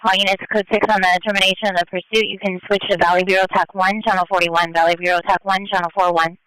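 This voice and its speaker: A police dispatcher giving clipped, procedural announcements over a scanner radio, repeating details in a flat, formulaic way. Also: medium pitch, fast talker, smooth, dry recording, rough recording.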